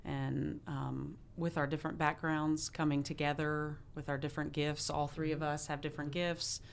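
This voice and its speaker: Low gravelly-voiced woman choir teacher. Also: little pitch movement, normal speed, a little hiss or hum. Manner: earnest and heartfelt. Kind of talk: interview conversation.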